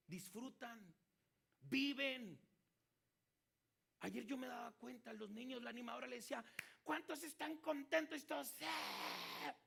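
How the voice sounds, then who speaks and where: A man's voice: very high-pitched, creaky, bright, forceful tone, slightly rough. A man with a Mexican Spanish accent, preaching as a pastor and asking his listeners questions as he tells a story. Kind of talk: sermon.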